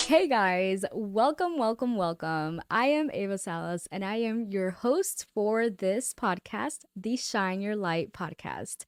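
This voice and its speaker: A young woman from Honduras hosting her faith podcast, chatting directly and warmly with her listeners. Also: mid-range voice, no echo, studio quality. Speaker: podcast host. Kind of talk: casual faith podcast monologue.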